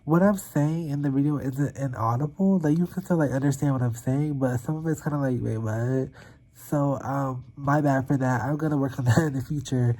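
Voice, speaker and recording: A woman's voice: a bass voice, brisk, hardly any pauses, warm tone, low-quality recording. A young woman chatting casually to viewers as a vlogger, with a slight lisp from wearing a retainer and loosely articulated, slightly slurred words. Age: young adult. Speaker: YouTube vlogger.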